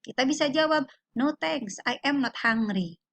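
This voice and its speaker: A woman English teacher giving a classroom lesson, reading English example phrases slowly and then translating them. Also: high-pitched, lively intonation, fairly bright tone, dry recording.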